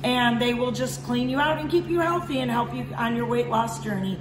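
A woman's voice: fairly high pitch, brisk, music in the background. Chatty woman in an echoey market. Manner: chatty, enthusiastic, keeps saying okay guys. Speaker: shop owner. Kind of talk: product demo vlog. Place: indoor market stall with shelves. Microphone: handheld phone camera. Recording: echoey market hall with background noise.

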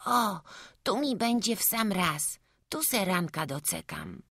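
A woman's voice: medium pitch, lively intonation, takes it slowly, a bit bright, dry recording, studio quality, pitched above the performer's own voice, heavily acted. A woman voicing a small homesick peasant boy who talks with a childish dialect lisp. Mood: defiant.

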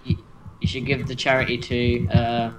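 A young man giving excitable, teasing commentary while playing a multiplayer game with friends over a noisy voice-chat recording. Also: mid-range voice, moderate pace, distant mic. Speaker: gamer.

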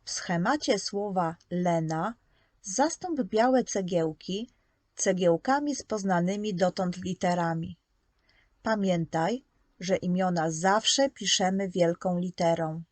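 Slow, patient woman teaching preschoolers. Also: lowish voice, darkish tone, no room sound. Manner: patient, clearly articulated, sounding out letters. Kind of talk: slow, scripted lesson narration.

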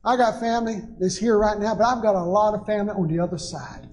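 A man's voice: sits high, fast, darkish tone, slight background noise. An older man, preaching a sermon from a church pulpit with rising, emphatic bursts. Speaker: pastor. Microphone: pulpit microphone. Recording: echoey church sanctuary.

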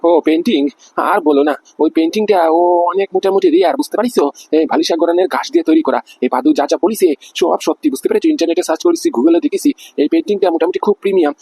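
A man's voice: high voice, wildly swooping pitch, rapid-fire, vocal fry, mellow, slightly rough, dry recording, exaggerated voice. A man voicing a pushy middle-aged company boss in a cartoon, who keeps asking whether he is understood. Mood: boastful. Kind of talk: cartoon voice acting.

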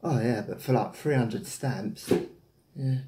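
An Englishman in his thirties makes a casual prank call, taking it slowly in a dark-toned, medium-pitched voice while hesitating and rambling. He's recorded indoors in a small domestic room by a camera at about arm's length, and the room has an echo.

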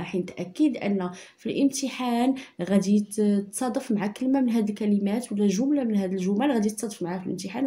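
A woman with a Moroccan Arabic accent teaching a primary school spelling lesson, repeating points patiently and dictating sentences slowly. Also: medium pitch, mellow. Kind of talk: online lesson explaining handwriting and spelling.

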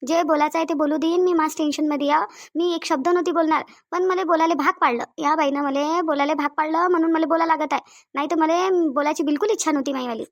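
Woman doing a fast, high Varhadi cartoon mother, scolding, taunting. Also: fairly even intonation. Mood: angry. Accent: Varhadi Marathi. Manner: taunting, shouting, mocking quotes. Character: shrill, angry middle-aged mother of a sick daughter.

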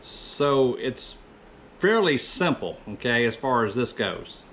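A man's voice: medium pitch, big pitch swings, slow pace, fairly bright tone, a little hiss or hum. A man in his fifties giving a casual, rambling voice-over as a woodworker, often correcting himself. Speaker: woodworker presenting own project. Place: small indoor woodworking workshop.

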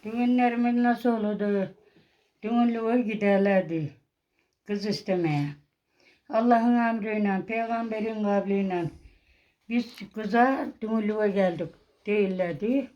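A woman's voice: medium pitch, a little slow, pauses often. A woman from rural Turkey with a village dialect, reminiscing informally as she is interviewed. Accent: rural Turkish village dialect. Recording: dull, lo-fi recording.

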